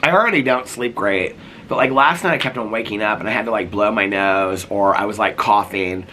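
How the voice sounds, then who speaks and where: Sitting outdoors, a middle-aged vlogger chats casually in a lowish, slightly fast voice, rambling with lots of "like"s and restarts. Though he's sick, coughing and losing his voice, his tone remains bright and forceful, with faint background noise beneath.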